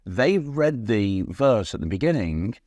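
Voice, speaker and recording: A man's voice: fairly low pitch, big pitch swings, measured pace, darkish tone, dry recording, studio quality. A man co-presenting a magic lesson, reacting with enthusiasm and talking things through casually. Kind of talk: casual chat. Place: London studio.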